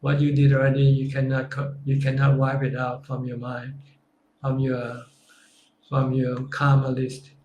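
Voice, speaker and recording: A man speaks as a Buddhist monk, answering questions in a live session with calm, simple replies. His pitch stays level and steady throughout. The voice carries a roomy echo over a faint background hiss. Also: unhurried, highs cut off. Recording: echoey room.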